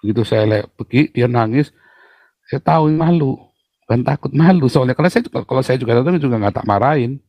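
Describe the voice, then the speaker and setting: A middle-aged man preaching a sermon to his church, animated and full of playful mock voices and sound effects. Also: fast talker, no room sound. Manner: animated, jumps to high mocking tones and sound effects. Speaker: pastor.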